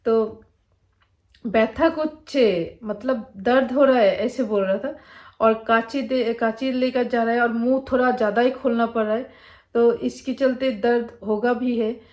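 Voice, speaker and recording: A woman's voice: a little high, fairly even intonation, normal speed, darkish tone. A woman from Bengal with a Bengali accent, telling a personal story in a casual, rambling way with many fillers and restarts. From Bengal, India. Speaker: vlogger.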